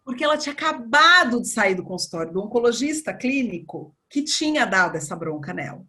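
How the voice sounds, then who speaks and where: A woman surgeon, talking in a relaxed interview and acting out past conversations as she tells them. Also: fairly high pitch, brisk. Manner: animated storytelling, acts out dialogue. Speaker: breast surgeon guest.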